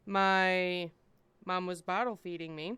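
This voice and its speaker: A woman's voice: on the low side, steady tone, slow, a bit bright, clean tone, no echo. A woman hosting a stream, casually telling a story to friends and swearing freely. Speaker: streamer host.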